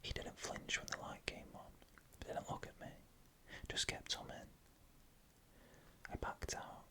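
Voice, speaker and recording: An ASMR storyteller narrates scary tales entirely in a whisper. The sound is bright and sibilant, with no voiced tone underneath. The delivery stays hushed, like scripted bedtime horror. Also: a little slow. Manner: hushed, unvoiced whispering throughout.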